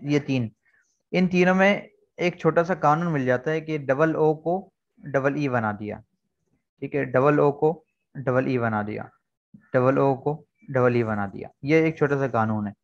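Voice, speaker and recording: Patient teacher, dull call audio. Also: male voice, on the high side. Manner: patient, repeats key points with "theek hai". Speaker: English teacher. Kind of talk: online lesson explaining vocabulary. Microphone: video call.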